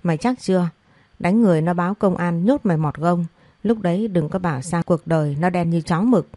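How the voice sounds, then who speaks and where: Woman reading as blunt young man, mocking, deadpan, dry close sound. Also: fairly low pitch, brisk, dry recording, lightly acted. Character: blunt sharp-tongued young man, friend.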